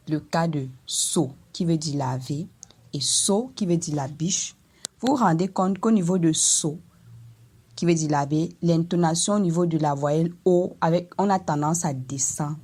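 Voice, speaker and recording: Woman language teacher, low voice, unhurried delivery, careful explanations with sung vowel demos. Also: darkish tone, breathy edge. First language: Eton. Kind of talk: language lesson.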